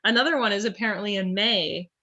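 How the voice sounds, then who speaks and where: Bright-voiced English woman. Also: medium pitch, quick pace, muffled recording. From England. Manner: chatty, thinking aloud. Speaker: podcast guest. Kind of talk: casual conversation.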